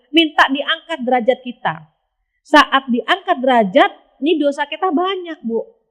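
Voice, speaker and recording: A woman preacher giving a casual sermon to women, chatty and often addressing her listeners directly. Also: fairly high pitch. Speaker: Islamic preacher.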